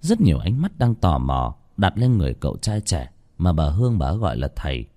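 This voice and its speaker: A man narrating a horror story with dramatic, expressive delivery. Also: low-pitched, brisk.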